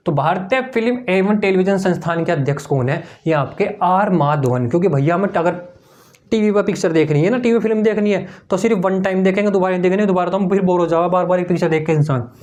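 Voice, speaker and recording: This fast-talking man has a high, slightly mellow voice. Writing on a board, he runs a mnemonic lesson on exam memory tricks, turning every answer into a question-and-answer drill.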